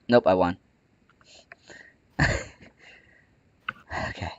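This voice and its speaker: A man's voice: very slow, darkish tone, dry recording, highs cut off. A man with the hiccups, chatting casually over gameplay, with a bit of playful trash talk. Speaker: gaming channel host. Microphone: close desk microphone.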